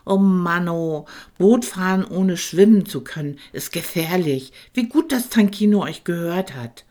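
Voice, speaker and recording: A woman's voice: on the low side, animated, unhurried, darkish tone, voice pushed up. A woman voicing a small, friendly young male dragon in a children's audiobook, who keeps saying "oh Mann, oh" and talks about himself by name. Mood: indignant.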